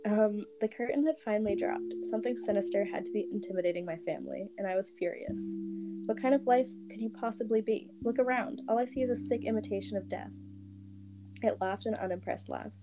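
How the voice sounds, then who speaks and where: A woman reads a first-person horror story aloud in an even, steady voice. She pauses now and then to chat with a friend. Soft guitar music plays behind her. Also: medium pitch. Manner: reads steadily, with fillers and laughs between passages. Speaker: story reader.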